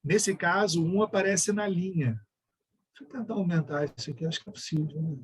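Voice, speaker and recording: A man's voice: high voice, a little fast, slightly rough. A man from Brazil giving an online music education lecture, explaining step by step and singing rhythm syllables and scale numbers as examples.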